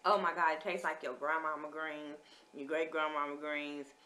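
A woman's voice: deep voice, level tone, normal speed, bright, forceful tone. A woman vlogger, chatting casually as she lists menu items and reviews food. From American.

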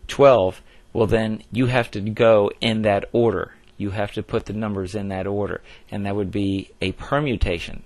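A man's voice: on the low side, no room sound. A man teaching a recorded math lesson, explaining step by step in a plain way with frequent fillers and restarts. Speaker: math instructor.

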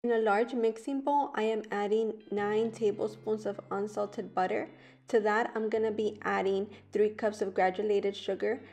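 A woman's voice: mid-range voice, level tone, moderate pace, darkish tone. A young woman vlogger narrating a recipe voice-over, explaining each step plainly. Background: guitar music.

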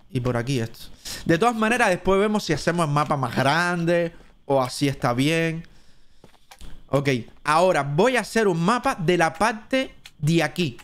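Cuban man streaming gameplay, talkative and thinking aloud, voice sitting a bit high. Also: fairly bright tone. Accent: Cuban Spanish. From Cuba. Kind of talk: live gameplay commentary.

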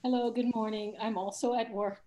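A woman from Cuba, raised in Miami, asking a guest speaker a question on a video call, hesitant with many pauses. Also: a little high, fairly even intonation, warm tone, dull audio. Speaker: student, lecture attendee. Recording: roomy video call audio.

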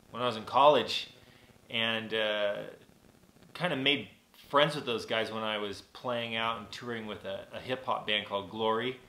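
A nasal-voiced man in his forties, a vlogger and mixing engineer, rambles casually through a live stream from his home recording studio, relaxed and full of fillers and restarts. His pitch is medium, and the audio is poor and reverberant, picked up by a camera on his desk.

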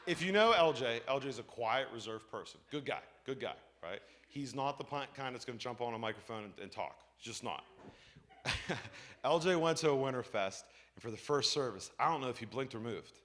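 A male pastor preaching a lively sermon, telling personal stories and acting out the voices in them. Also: mid-range voice, brisk, slight background noise. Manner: animated storytelling, acts out voices, shouts and laughs.

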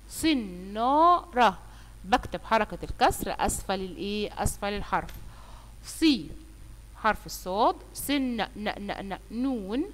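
A woman teacher with an Egyptian Arabic accent, slowly sounding out letters and words for young children and praising them often. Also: mid-range voice, in a large hall. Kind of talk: online phonics lesson for young children.

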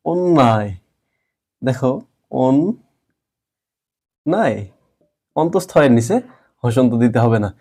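A man teaching a grammar lesson, explaining rules patiently step by step and repeating words slowly. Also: a little high, a little mellow.

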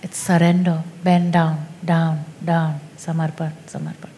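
A woman spiritual teacher speaking in a slow, deliberate and emphatic way in a teaching dialogue. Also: low-pitched, flat delivery, dark tone, in a large hall, a little hiss or hum.

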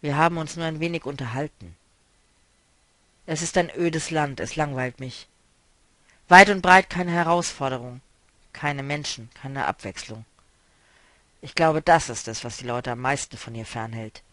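Man playing a melancholy male traveler, quiet, subdued, brooding, dry recording. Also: a little high, moderate pace, pauses often, no echo, natural voice. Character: weary, melancholy male wanderer, learned.

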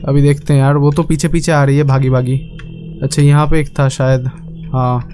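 A man's voice: on the high side, flat delivery, moderate pace, dark tone, soft background music. Young man, jokey, scared gaming commentary. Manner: jokey, easily scared, pleading with the game. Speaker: gaming YouTuber. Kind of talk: casual horror game commentary.

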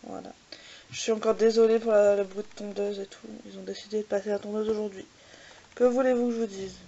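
Her medium-pitched voice is flat and warm, though the audio sounds dull. Hosting a relaxed makeup swatch vlog, she hesitates often, leans on "euh" and "voilà," and pokes fun at her own English pronunciation in repeated small asides.

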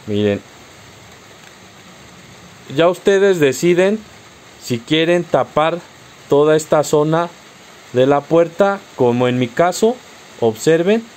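Slow, patient Mexican man explaining steps. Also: on the high side, animated, darkish tone. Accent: Mexican Spanish. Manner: patient, instructs viewers directly. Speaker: car accessory tutorial host. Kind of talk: step-by-step how-to narration.

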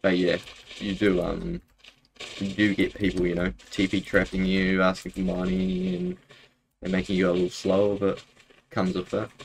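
Keyboard typing and mouse clicks are audible behind a young man with a broad New Zealand accent who chats on his gaming livestream. His voice sits low at a normal pace, relaxed, rambling and slangy, and the audio is poor with clear background noise.

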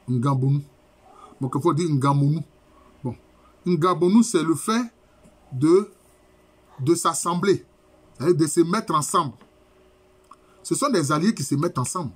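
Husky-voiced professor explaining terms. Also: male voice, on the high side. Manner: explains terms slowly, repeating key phrases. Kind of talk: university lecture.

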